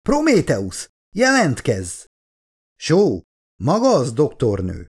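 A man's voice: medium pitch, very animated, a little mellow. A man reading an audiobook, voicing a desperate female scientist who pleads urgently. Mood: frantic. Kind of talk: audiobook character voice.

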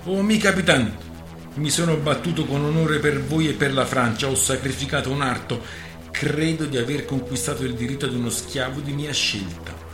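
A man's voice: mid-range voice, moderate pace, pitched above the performer's own voice, lightly acted. A man voicing a defiant one-armed male ex-Jesuit boatswain, insistent and formal, raised above his reading voice. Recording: roomy with music behind.

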